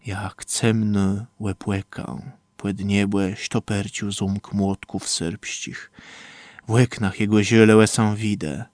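A man narrating a first-person story in a measured, low-key way. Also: little pitch movement, a little mellow, dry recording.

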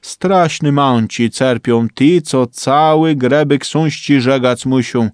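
Brief: an unhurried Kashubian male storyteller, dry close recording. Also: medium pitch, clean tone, no room sound. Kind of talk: reading a folk tale aloud.

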